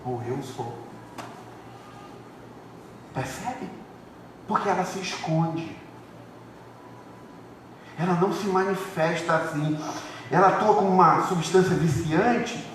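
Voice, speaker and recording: A man from Rio de Janeiro, a pastor preaching an animated sermon, swinging between loud and hushed and acting out members of his church. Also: high voice, slight background noise. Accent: Brazilian Portuguese, Rio de Janeiro. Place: large church hall. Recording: echoey church hall from far off.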